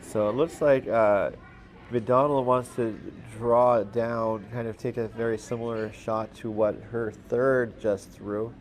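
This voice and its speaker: A man calling a curling game as commentator, relaxed and halting, with lots of fillers and restarts and the odd dry aside. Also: medium pitch, a little hiss or hum. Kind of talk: play-by-play commentary.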